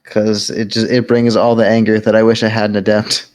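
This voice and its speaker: A man's voice: fairly low pitch, flat delivery, a little fast, a little mellow. A man in a casual gaming chat, blunt and joking, cursing offhandedly. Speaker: podcast guest.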